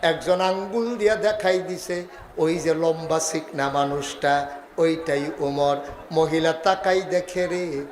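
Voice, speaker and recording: A man preaching a waz sermon, telling a story with dramatic swings from soft pleading to shouting and sing-song wailing. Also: fairly high pitch, fairly even intonation, slow pace, echoey room, a little hiss or hum.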